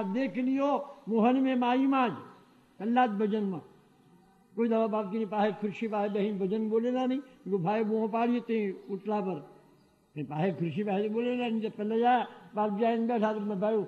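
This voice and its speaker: A man telling a devotional story to a gathering, animated and acting out the exchanges he describes. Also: high-pitched. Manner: animated, acts out quoted exchanges. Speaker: devotional speaker. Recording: dull lo-fi sound with long hall reverb.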